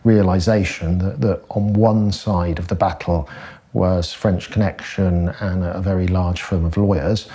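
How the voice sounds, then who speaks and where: A man speaking slowly and reflectively in a documentary interview, pausing to find words. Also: deep voice, fairly even intonation, mellow. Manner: halting and reflective.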